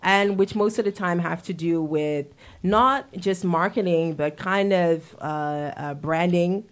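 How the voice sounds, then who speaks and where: A woman's voice: lowish voice, measured pace. A young woman hosting an interview show, chatty and laughing often, with plenty of fillers. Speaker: show host. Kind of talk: casual interview.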